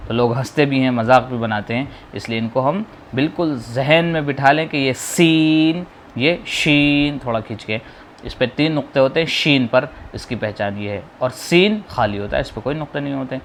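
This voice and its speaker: A man teaching how to read the Quran, slowly drawing out each letter sound and patiently explaining how to pronounce it. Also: mid-range voice, a little hiss or hum. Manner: slow, drawn-out modeling of sounds, explaining patiently. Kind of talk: spoken lesson on letter pronunciation.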